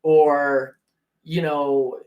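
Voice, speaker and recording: A man co-hosting a casual wrestling talk show, rambling with many restarts and getting excited when he teases his partner. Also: fairly high pitch, very slow, highs cut off. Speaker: podcast co-host.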